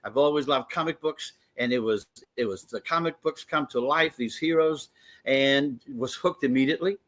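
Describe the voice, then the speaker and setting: Here an older man from Greece, a wrestling commissioner, chats eagerly as a sports talk show guest, with a mid-range voice of fairly bright tone at a normal speed. It's a casual radio interview, and his storytelling is full of restarts.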